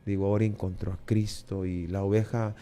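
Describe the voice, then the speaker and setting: A man with a Guatemalan Spanish accent giving a lively personal testimony in an interview, acting out the dialogue and often repeating words. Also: fairly low pitch, brisk. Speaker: guest.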